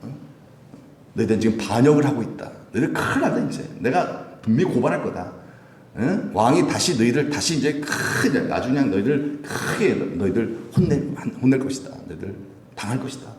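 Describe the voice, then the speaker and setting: A sneering, hostile governor taunts and threatens, as a preacher acts him out. The voice swings in pitch with mocking emphasis. It echoes around a church room. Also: male voice, expressive, fairly quick, a little hiss or hum, close to an everyday voice. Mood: taunting.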